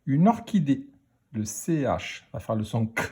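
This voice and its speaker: A man teaching a phonics lesson to children, speaking slowly and deliberately as he spells out letters and sounds. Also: mid-range voice, sing-song, darkish tone, slightly rough.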